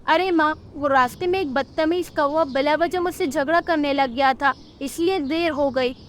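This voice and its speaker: A woman's voice: high-pitched, moderate pace, a little hiss or hum, lightly acted. A woman voicing a young, spirited schoolgirl bird in a cartoon. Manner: indignant, bold retorts.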